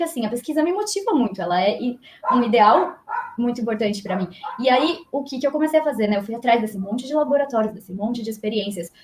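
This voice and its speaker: A woman's voice: a little high, darkish tone, a little hiss or hum. A woman speaking as an engineer guest in a live video interview, explaining animatedly and acting out imagined dialogue. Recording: roomy echo.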